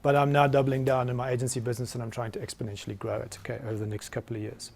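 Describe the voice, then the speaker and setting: A South African man in his late forties speaks to a roomful of people at a medium pitch. He talks in a candid, self-mocking way and with plenty of energy. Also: level tone, racing, vocal fry, a little mellow. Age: 40s. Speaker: business founder giving a talk. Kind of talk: live presentation to an audience. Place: meeting room with audience.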